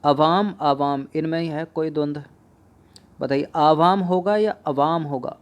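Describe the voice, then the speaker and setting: A man in a slow, patient teaching delivery with a slightly raised voice. He drills exam spelling, saying each word over and over as he corrects it. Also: fairly high pitch, clear, resonant tone. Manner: slow, repeats each word several times while explaining. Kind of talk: spoken Hindi spelling lesson.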